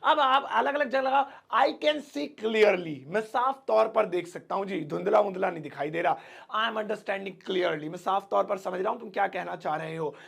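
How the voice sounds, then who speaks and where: A man's voice: high voice, moderate pace, vocal fry, fairly bright tone, breathy edge. A young man teaching English grammar in a casual, joking way, stretching out the example words. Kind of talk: casual video lesson.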